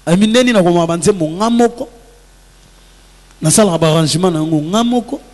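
A musician guest speaks earnestly and reflectively in a casual interview, giving advice in a mix of Lingala and French. His voice sits high and is a little mellow, at a moderate pace. Long hall reverb and faint music fill the recording.

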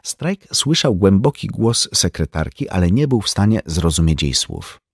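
A man narrating an audiobook, his pitch rising and falling freely as he tells the story. The delivery is expressive and measured. The recording is dry and close. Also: husky, no echo. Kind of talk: scripted narration.

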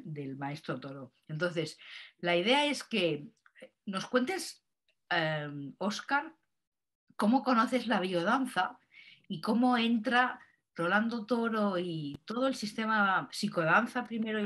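A woman's voice: fairly low pitch, a bit bright. A woman hosting an interview, speaking loosely and hesitantly with many fillers. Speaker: interviewer, host. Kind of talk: casual interview.

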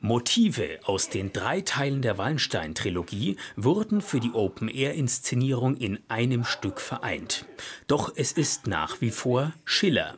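A man's voice: medium pitch, very animated, measured pace. A man reading scripted narration for a television report as a voice-over.

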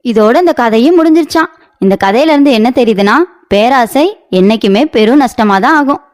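A woman narrating a cartoon story in a brisk storybook manner. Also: fairly high pitch, expressive.

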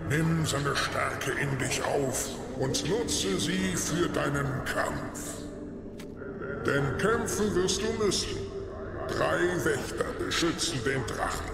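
A man's voice: a little high, creaky, heavy background noise, full character voice. A man voicing a solemn, ancient tree spirit in a video game, speaking in a grave, archaic, portentous manner. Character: solemn ancient tree spirit, watchful guardian advising a warrior. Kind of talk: dramatic video game voice acting. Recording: echoey hall, distant, loud game music.

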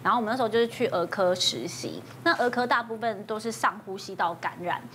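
A woman's voice: fast, slight background noise. A woman nurse on a TV talk show, telling a story from her student days and shrilly acting out a panicked mother. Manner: animated, jumps to a shrill pitch when quoting.

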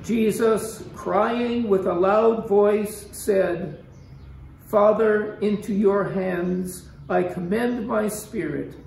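A man slowly intoning prayers and readings as the officiant of a church service, heard with a cathedral echo. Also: high-pitched, vocal fry, darkish tone, slight background noise. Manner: slow, solemn intoning. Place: large church. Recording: cathedral echo heard from far off, faint ambience.

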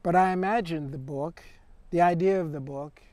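A man poet reading a poem in the voice of a lonely young man once confined in a dark basement, measured and reflective. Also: a little high, no room sound, natural voice. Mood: wistful. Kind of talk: poetry reading.

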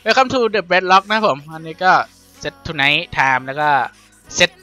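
A young man playing and commenting on a video game in a casual, playful way, laughing often and yelping when excited. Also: high voice, extremely slow, faint music behind. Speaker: gaming YouTuber.

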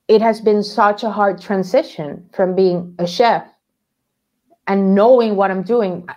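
A Venezuelan woman in her thirties tells her story as a guest in a casual video call interview, laughing often. She speaks through a headset from an indoor home workroom, her voice medium-pitched with a darkish tone.

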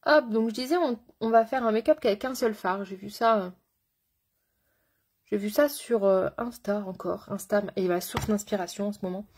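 Chatty husky-voiced woman makeup artist. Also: mid-range voice, normal speed, darkish tone. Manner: chatty, greets viewers with pet names; slangy, enthusiastic. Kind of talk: live makeup tutorial.

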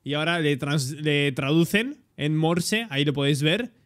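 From an indoor room set up for webcam reactions, a high-voiced young Spaniard with a Peninsular Spanish accent reacts and translates aloud as the host of a reaction video. He talks at a moderate pace but gets excitable, interjecting often, and he uses a desktop streaming microphone.

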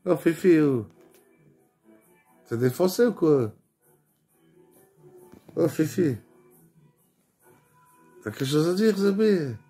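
A man's voice: a little high, animated, takes it slowly, long pauses, mellow, husky, faint music behind. A young man chatting casually with a friend, tired and drowsy, slangy and profane, laughing often. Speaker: vlogger. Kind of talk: casual rambling chat to a friend.

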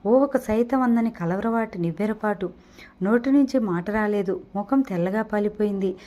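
Female audiobook narrator, mellow and warm, steady storytelling delivery, mid-pitched. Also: moderate pace. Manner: steady storytelling narration, voicing dialogue lightly. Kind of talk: reading a Telugu audio novel.

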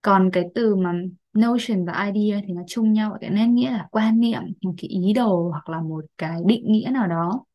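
A woman's voice: mid-range voice, normal speed, hardly any pauses, lo-fi sound. A young adult woman with a Vietnamese accent, teaching English vocabulary and checking in often with tag questions.

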